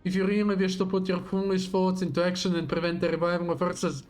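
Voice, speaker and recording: A man playing a grandiose, zealous warlord villain in a game, delivering a slow, theatrical, menacing monologue. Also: high voice, little pitch movement, darkish tone, faint music behind, voice pushed up, close to an everyday voice. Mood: contemptuous, menacing. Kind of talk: dramatic read-aloud of video game villain dialogue.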